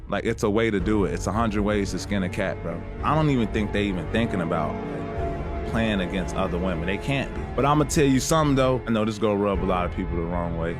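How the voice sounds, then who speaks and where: Firm male host over background music. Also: lowish voice. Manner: firm, lecturing, emphatic. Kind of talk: opinion commentary. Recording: music playing under voice.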